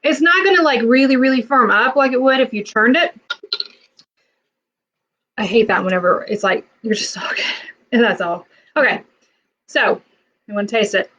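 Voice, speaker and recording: A woman's voice: fairly high pitch, moderate pace, long pauses, fairly bright tone, far from the mic, lo-fi sound. A woman chatting casually as she walks through a recipe in her home kitchen, rambling with lots of fillers. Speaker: cooking vlogger. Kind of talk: casual cooking demo.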